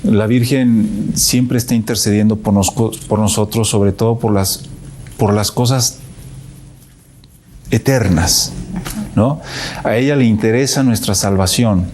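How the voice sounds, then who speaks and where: A man with a low, warm voice speaks as a guest in a faith conversation. He talks thoughtfully and hesitantly, and there is a faint hiss in the background. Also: fairly even intonation, measured pace, long pauses. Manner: thoughtful, hesitant, many fillers and restarts. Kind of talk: casual faith chat.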